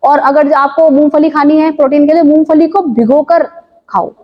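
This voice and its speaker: A woman teaching yoga and diet in an informal talk, asking listeners lively rhetorical questions. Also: sits high, normal speed. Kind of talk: informal health talk to viewers. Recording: dull lo-fi sound.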